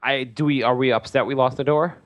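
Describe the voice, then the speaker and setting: A man's voice: mid-range voice, fairly even intonation, brisk. A man co-hosting a podcast, chatting casually about basketball with a sarcastic, jokey manner. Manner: sarcastic, jokey, acts out quotes. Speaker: podcast co-host. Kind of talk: casual sports chat.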